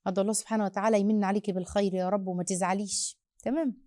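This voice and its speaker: Egyptian woman counselor, motherly and quick-fire, fields listener questions in a very fast patter, close dry sound. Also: medium pitch, no room sound. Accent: Egyptian Arabic. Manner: motherly, addresses the listener as daughter; rapid, animated storytelling with restarts. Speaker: host and family counselor. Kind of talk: answering listener questions on parenting.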